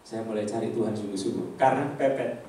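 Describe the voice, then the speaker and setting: An older man preaching a personal testimony, telling stories with animated asides to the congregation and acting out the voices of others. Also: on the low side, brisk, slight background noise. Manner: lively storytelling, acts out voices, congregation asides. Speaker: pastor. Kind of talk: sermon testimony. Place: church hall. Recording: echoey hall from far off.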